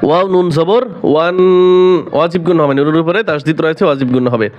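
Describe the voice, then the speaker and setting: A man teaching recitation, unwell with a sore throat and cough, who alternates brief explanations with slow, drawn-out chanted verses. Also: fairly high pitch. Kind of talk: tajweed lesson with slow recitation. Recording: dull lo-fi recording.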